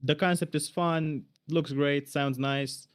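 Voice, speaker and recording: A man's voice: fairly high pitch, steady tone, slow pace, clean tone. Guy on a stream picking apart jam games, blunt and kinda dry. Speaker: stream co-host reviewing game jam entries. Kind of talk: casual critical game discussion.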